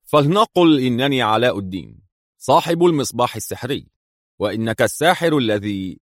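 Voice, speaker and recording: A man's voice: mid-range voice, expressive, a little fast, no room sound, clean studio sound, lightly acted. A man voicing a cocky, sarcastic male secret agent in an audiobook reading, mocking and cool.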